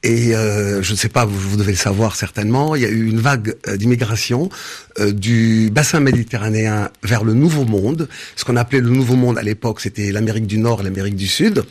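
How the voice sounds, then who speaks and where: A man in his sixties from Senegal, answering interview questions in a measured way with frequent hesitations and restarts. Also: fairly low pitch, a little mellow. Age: 60s. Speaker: interview guest, business founder.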